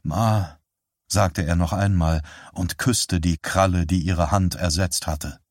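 A man narrating an audiobook in a slow, unhurried delivery with a fairly low voice. His reading is measured and solemn. The sound is dry and close. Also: steady tone, no echo.

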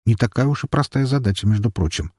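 Guy reading an audiobook, wry and sardonic, dark husky voice, dry close sound. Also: mid-range voice, lively intonation, fast, dry recording. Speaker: audiobook narrator. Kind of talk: first-person audiobook narration.

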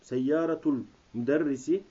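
Husky male student on muffled old tape. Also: fairly high pitch, warm tone. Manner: halting, word-by-word delivery. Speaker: language student. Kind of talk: reading aloud and translating in a lesson.

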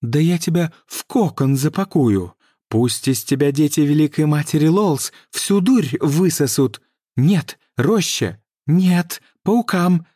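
A vicious spider-cult priestess woman, as a man acts her out, shouting threats in a high, loud voice. It sounds dry and close. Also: lively intonation, takes it slowly, no echo. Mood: furious. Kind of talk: audiobook reading.

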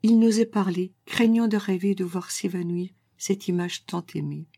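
A woman narrating a classic story in a calm, measured reading. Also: medium pitch, no echo, clean studio sound.

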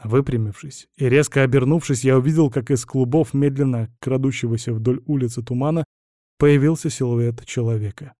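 A man narrating a first-person audiobook in a gruff, blunt, dramatic reading. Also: medium pitch, steady tone, normal speed, mellow, dry recording, studio quality.

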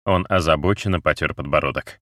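A man narrating an audiobook in a steady, even storytelling manner. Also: extremely low pitch, fairly quick, no echo, studio quality.

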